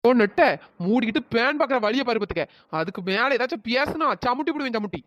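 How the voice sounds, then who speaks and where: A woman doing a cartoon young wife, bossy and mocking, high quick voice, dry dull recording. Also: animated, dry recording, natural voice. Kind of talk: cartoon voice acting.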